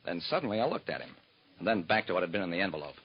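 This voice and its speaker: Deep, sing-song and very fast, this slightly rough, exaggerated male voice belongs to an actor voicing a hard-boiled private eye who wryly narrates his cases in first person. It's done in 1940s radio drama style on a dull, lo-fi old recording.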